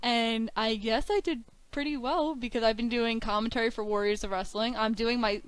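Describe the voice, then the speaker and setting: A woman's voice: fairly high pitch, moderate pace, clean tone, no echo, poor audio. Chatty young woman telling stories. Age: 20s. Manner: animated storytelling with quoted dialogue, frequent "like". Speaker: wrestling commentator, guest. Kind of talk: casual interview chat.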